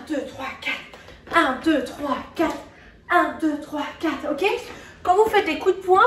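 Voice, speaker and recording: A high-voiced woman leads a workout, counting out reps and cheerfully checking on her class as she exercises. She sounds a little distant from the mic in an echoey indoor room, with faint ambience behind her. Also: a little hiss or hum. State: moving while exercising. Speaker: fitness coach. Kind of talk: live workout instruction.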